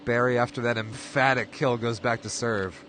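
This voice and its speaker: A man's voice: medium pitch, moderate pace, slight background noise. A man calling a volleyball match live, play-by-play, his voice jumping up on big plays. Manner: excitable, voice jumps up on big plays. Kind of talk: live sports commentary.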